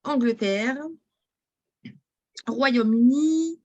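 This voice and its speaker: A woman's voice: a little high, drawn-out words, mellow. A woman presenting a travel booking platform in a live online demo, speaking straight to viewers and reading their chat messages aloud.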